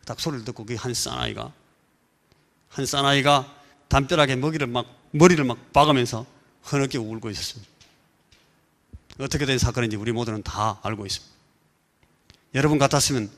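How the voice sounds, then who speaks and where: A Korean man delivers a Sunday sermon with lively storytelling, now and then imitating rooster crows and the voices of people in the story. His voice sits at an ordinary middle pitch. A long church-hall reverb trails after his words. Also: creaky. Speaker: pastor. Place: church sanctuary.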